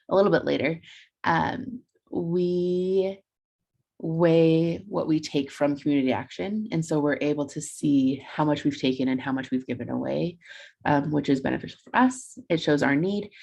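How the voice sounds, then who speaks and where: A woman's voice: low-pitched, vocal fry, darkish tone. A young adult woman on a video call, earnestly explaining how her campus food pantry runs, with frequent ums and likes. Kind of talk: conference presentation over video call.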